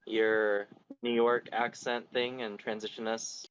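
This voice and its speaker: A man's voice: fairly low pitch, level tone, slow pace, a little hiss or hum. A man in casual podcast chat, blunt and opinionated. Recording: slightly dull lo-fi mic.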